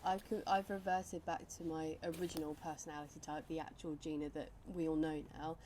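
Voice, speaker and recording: A woman's voice: sits low, flat delivery, brisk, warm tone, slight background noise. A woman co-hosting a podcast, chatting casually with cheeky, easy humour. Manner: laughs easily, cheeky banter. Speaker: podcast co-host. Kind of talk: casual chat.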